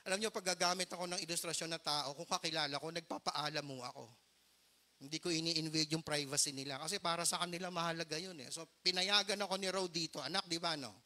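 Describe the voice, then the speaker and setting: A man's voice: a little high, fairly even intonation, fast talker, sharp tone. A middle-aged man preaching a storytelling sermon as pastor, earnest and mixing English phrases into his Tagalog.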